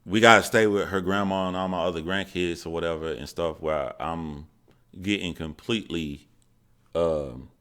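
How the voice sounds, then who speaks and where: Very deep-voiced man, halting and earnest. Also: fairly bright tone, smooth. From Georgia, USA. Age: 40s. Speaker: storyteller. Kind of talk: personal storytelling monologue.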